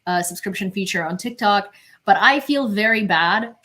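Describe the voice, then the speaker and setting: A woman's voice: medium pitch, normal speed, fairly bright tone. A young woman reads out news headlines and rambles between them on a home webcam. She talks casually and self-consciously, full of fillers and restarts. She sounds like she is alone at a desk in her bedroom. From Ukraine. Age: young adult. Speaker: independent journalist. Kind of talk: casual news livestream commentary.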